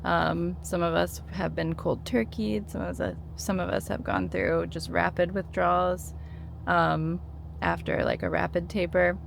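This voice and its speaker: A vlogger in her thirties talks casually to the camera about her withdrawal experience, earnest and encouraging, with plenty of fillers and restarts. Her lowish, gravelly voice moves a little slowly, and there's a faint hiss or hum.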